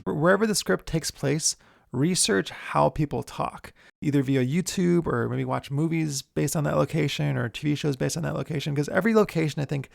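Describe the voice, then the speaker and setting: A man who hosts a screenwriting show, giving writing tips in a relaxed, chatty way. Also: fairly high pitch, moderate pace, gravelly. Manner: relaxed, chatty, many fillers. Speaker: screenwriter and podcast host. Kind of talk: casual instructional talk.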